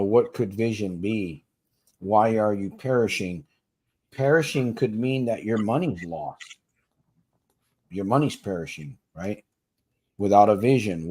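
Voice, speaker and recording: A man with a lowish, slightly mellow voice and a breathy edge hosts a casual livestream podcast for gamblers in recovery. Plain-spoken and slangy, he coaches listeners directly and laughs easily between points.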